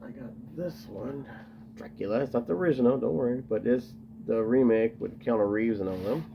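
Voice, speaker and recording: Gravelly-voiced man chatting casually. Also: medium pitch, a little fast, lo-fi sound, a little hiss or hum. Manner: rambling, enthusiastic, lots of fillers. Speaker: video host showing his tape collection. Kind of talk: casual chat to camera.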